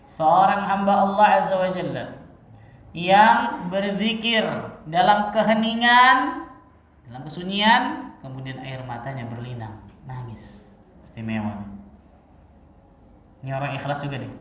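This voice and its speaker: A man preaching a sermon in a lively teaching manner, full of rhetorical questions and casual asides. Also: high voice, unhurried, long pauses. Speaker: Islamic preacher. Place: mosque. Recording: echoey hall, mic far off.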